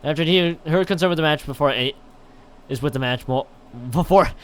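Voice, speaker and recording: On a live game stream, a man reads a visual novel aloud in a slightly high, clean voice at a fairly quick pace. His reading is full of stumbles and repeated words, broken up by exasperated comments.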